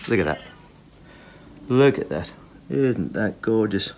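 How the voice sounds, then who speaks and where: A man's voice: fairly low pitch, animated, slow, darkish tone. Chatty British man with kitchen noise behind him. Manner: chirpy, enthusiastic, full of tag questions and asides. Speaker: home cook presenting a recipe video. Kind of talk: casual chat while cooking. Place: home kitchen, filmed on a phone. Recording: clear background noise, kitchen clatter.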